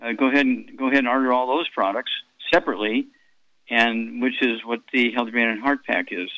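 A man's voice: medium pitch, fairly even intonation, a little fast, no room sound, muffled recording. A man in his eighties hosting a call-in radio health show, rambling through product doses with many fillers and repeats. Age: 80s.

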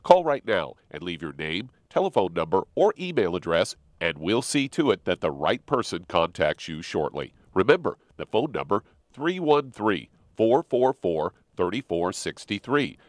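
A man's voice: low voice, very animated, moderate pace, hardly any pauses, dry recording. A male radio announcer giving a polished, scripted promotional read.

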